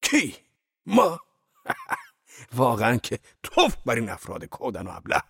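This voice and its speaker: A man voicing a fiery, blunt old male laborer in an audiobook reading, with a gravelly voice and loud, scornful outbursts. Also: medium pitch, huge pitch swings, dry recording, studio quality, pitched above the performer's own voice, exaggerated voice. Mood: fierce.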